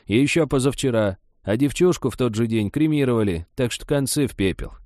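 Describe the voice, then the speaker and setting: A nosy old village woman barks orders and waves off every objection with scorn, as a man puts her on. The voice sits high and loud above a low, mellow reader's tone. It is a dry, close audiobook recording. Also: expressive, a little fast, no room sound, lightly acted. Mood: bossy. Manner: pushy, scornful.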